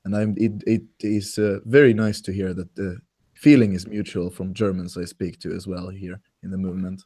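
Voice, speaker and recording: Low-voiced hesitant man on a podcast. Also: fairly even intonation, moderate pace, dark tone, husky, no echo, studio quality. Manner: hesitant, drops German phrases. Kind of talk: casual podcast chat.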